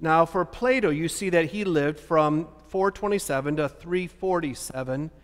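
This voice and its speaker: A man in his fifties, a pastor, delivering an animated sermon full of rhetorical questions, standing and gesturing at a lectern in a large church sanctuary. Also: a little high, normal speed. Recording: long church hall reverb.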